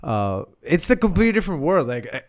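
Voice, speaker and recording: A man's voice: a little high, sing-song, fast talker. A man from Pakistan, hosting a casual interview with loose, joking talk and frequent restarts. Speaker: podcast host.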